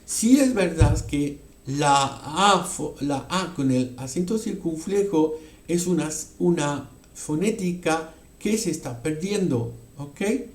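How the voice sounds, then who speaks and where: A man's voice: a little high, slow, echoey room. A man teaching a French pronunciation lesson, repeating words aloud several times and often checking in with his students. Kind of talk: explanatory language lesson.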